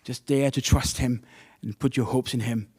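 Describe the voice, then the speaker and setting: A man's voice: medium pitch, steady tone, moderate pace, a little mellow, slightly rough. Earnest man preaching a sermon. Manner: earnest, storytelling with non-native English phrasing.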